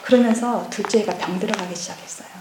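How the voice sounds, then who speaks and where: A middle-aged woman, a pastor's wife, giving a lively personal testimony at a church seminar and acting out past conversations. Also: medium pitch, quick pace, slight background noise. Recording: echoey church hall.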